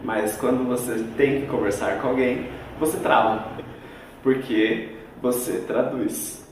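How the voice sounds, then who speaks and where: Patiently working through examples one at a time, a Brazilian man teaches English in a video lesson. His mid-range, fairly even voice moves at a slow pace, ringing through a very roomy space from well back of the microphone over a faint hiss.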